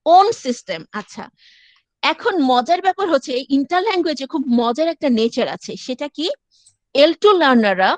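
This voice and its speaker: Woman lecturer, high voice, dry close sound, step-by-step teaching with English asides. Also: no room sound. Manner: explains step by step, mixing in English phrases. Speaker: university lecturer. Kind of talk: classroom lecture.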